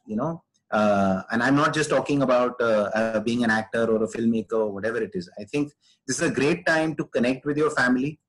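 Male podcast guest, mid-pitched voice, conversational and earnest, leaning on repeated phrases for stress. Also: low-quality recording.

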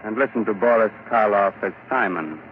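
A man's voice: on the low side, a little fast, close to an everyday voice. A man playing a macabre, mock-courteous horror host and narrator on old-time radio, sardonic and theatrical. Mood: ominous, storytelling. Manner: sardonic, ghoulishly teasing, theatrical. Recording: muffled, noisy vintage radio recording.

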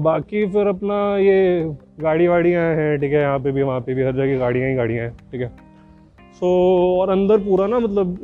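A man's voice: a little high, warm tone, highs cut off. A young man hosting a podcast, joking and rambling as he describes a car showroom outdoors, mixing Hindi with English. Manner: jokey, chatty, mixes Hindi with English. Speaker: podcast host. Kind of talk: rambling walk-and-talk commentary.

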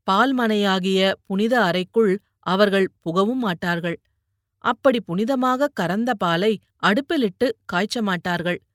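A woman reading a novel aloud as an audiobook narrator, telling the story in a measured way and raising her voice for characters who shout. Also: mid-range voice, dry recording, studio quality.

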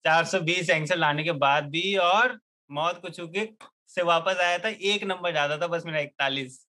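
Bright young man telling comic stories. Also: on the high side, a little slow. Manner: lively, jokey, laughs often. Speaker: storyteller in a group chat show. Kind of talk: comic storytelling among friends.

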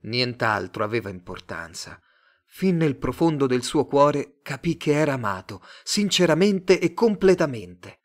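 A man reading a story aloud as its narrator, in a measured, expressive way. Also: medium pitch. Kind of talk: audiobook narration.

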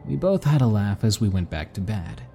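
A man narrating spooky stories in a slow, hushed, dramatic way. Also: lowish voice, very animated, vocal fry, faint music behind. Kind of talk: scripted story narration.

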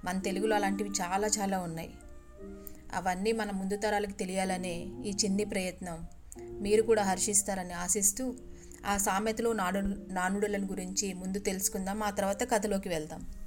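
A woman's voice: mid-range voice, level tone, normal speed, over music. A woman storyteller in a polite, chatty narration that speaks directly to her listeners.

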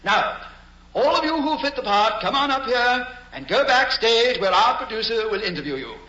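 Casting: a theatrical emcee, high bright voice, old roomy radio sound. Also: male voice, lively intonation, moderate pace, highs cut off, exaggerated voice. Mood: showy. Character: showy talent-show emcee, middle-aged man. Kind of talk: 1940s radio acting.

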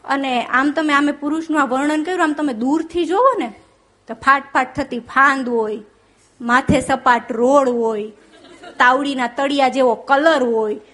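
Woman comedian, Gujarati accent, high voice, joke telling with punchlines, slow poetic lines. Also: fairly bright tone. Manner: storytelling with punchlines, recites verses slowly. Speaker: stand-up comedian. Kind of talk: Gujarati stand-up jokes and poetry.

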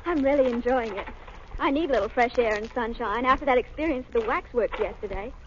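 Young heroine, acted by a woman, brisk, old radio play with faint noise. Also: fairly high pitch, natural voice. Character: poised young woman, companion of the hero. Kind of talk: 1930s radio drama. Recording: muffled old radio recording.

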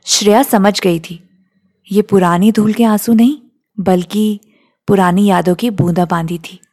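A woman narrating a story in a gentle, emotional, reflective way. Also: medium pitch, steady tone, measured pace.

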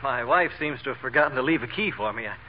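A shifty, polite crook played by a man with a mid-pitched voice and evasive, hesitant manner. It is old radio comedy on a muffled, hissy recording. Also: expressive, fast, close to an everyday voice. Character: shifty, stammering, falsely genial burglar. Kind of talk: 1940s radio comedy acting.

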